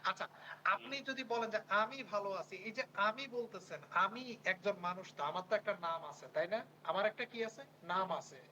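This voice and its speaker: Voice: mid-range voice, normal speed, bright, forceful tone, slight background noise, low-quality recording. Patient teacher drilling pronunciation. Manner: repeats words and prompts students to say them back. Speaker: language teacher. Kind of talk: online language lesson.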